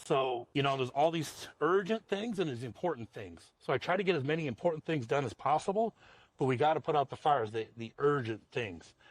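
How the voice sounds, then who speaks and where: Animated and fairly quick, a mid-range male voice belongs to a roofing company owner from Washington state, USA, with no echo. He handles interview questions in a casual, wandering way, chuckling and repeating words frequently.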